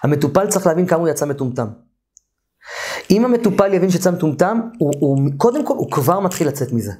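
Animated man giving an informal lecture. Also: a little high. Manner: animated, acts out therapy dialogues with raised voice; trails off and restarts sentences often. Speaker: therapy course lecturer.

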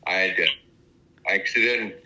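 A retired Malaysian ambassador in his 90s reminisces in a casual interview, telling stories in a leisurely, good-humoured way. His deep voice is sharp in tone and measured in pace, and the recording quality is low.

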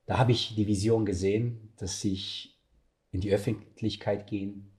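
A man's voice: fairly low pitch, steady tone, moderate pace, darkish tone. A man as a guest in a casual talk, speaking reflectively and personally with some hesitation. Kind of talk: casual conversation.

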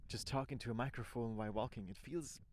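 A fast-talking man of medium pitch, with a little hiss or hum on the recording, speaks non-native English in a Swiss accent. As an amateur podcaster keeping a casual audio diary, he rambles informally and thinks out loud.

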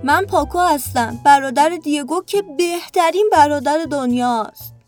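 A man voicing a trusting, affectionate childlike boy in a storybook reading, with a high squeaky put-on voice. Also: faint music behind. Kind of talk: storybook voice acting.

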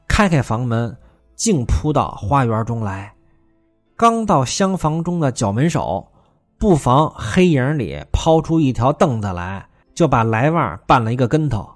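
A male storyteller narrates a classic tale at a middle pitch, dropping wry asides between scenes. Faint music plays softly behind his voice.

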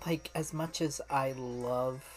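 A woman with a low voice talks casually while watching a cartoon with a friend. She often trails off, restarts and stacks up fillers. Faint music plays behind her. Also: steady tone, takes it slowly. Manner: chatty, trailing off and restarting mid-sentence. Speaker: co-host. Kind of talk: casual watch-along chat.

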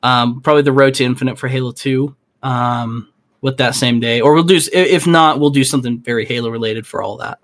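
A man's voice: mid-range voice, steady tone, fairly quick, fairly bright tone. A man co-hosting a gaming podcast, theorizing in a loose, rambling way with lots of fillers. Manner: rambling, many fillers and restarts. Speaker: podcast co-host. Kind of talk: casual chat.

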